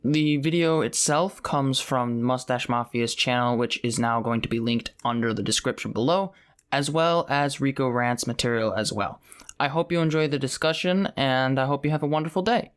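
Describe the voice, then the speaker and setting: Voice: mid-range voice, normal speed, clear, resonant tone. A channel host giving a short scripted intro to a shared video, polite and friendly.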